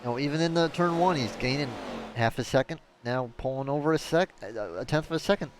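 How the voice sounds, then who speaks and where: A man giving live race commentary in a chatty, excitable way that turns analytical. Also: medium pitch, fairly quick, a little hiss or hum. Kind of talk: live sim racing commentary.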